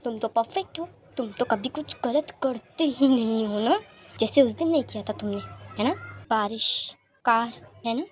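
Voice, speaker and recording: A woman's voice: on the high side, normal speed, slight background noise, natural voice. Woman voicing a bitter scolding matriarch. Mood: scornful. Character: harsh, scornful older woman, a cruel mother.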